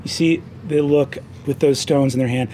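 A man's voice: mid-range voice, fairly even intonation, dark tone, a little hiss or hum. Man narrating as game master. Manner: quick, hesitant with fillers.

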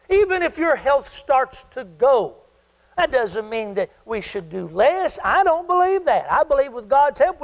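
An older man preaching from the pulpit, his voice sitting unusually high for a man. He works the congregation with questions and calls for answers. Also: creaky, low-quality recording. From South Carolina. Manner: call-and-response preaching, asks the congregation questions. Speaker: pastor. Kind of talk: sermon.

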